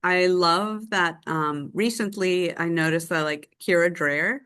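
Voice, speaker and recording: A woman with a lowish, unhurried, fairly bright and clean voice leads a live group real estate training over an online call. She's chatty and encouraging, her speech full of "like" and "um."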